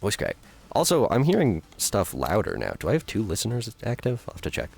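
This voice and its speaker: A man's voice: on the low side, huge pitch swings, a little fast, vocal fry, a little mellow, breathy edge, faint music behind. A man streaming live, chatting casually with viewers and thinking aloud as he builds.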